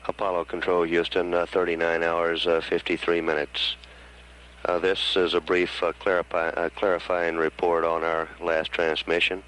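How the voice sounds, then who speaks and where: A man giving formal mission status announcements as a control centre announcer, with halting, hesitant delivery. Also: low-pitched, monotone, a bit bright, poor audio. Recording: faint hum on archival broadcast line.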